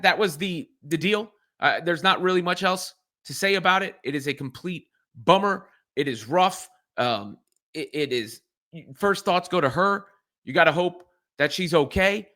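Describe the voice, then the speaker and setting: A male sports commentator reacting on his own, earnest and thinking aloud, with frequent restarts. His voice sits high and rings bright and forward. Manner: earnest, repeats and restarts phrases while thinking.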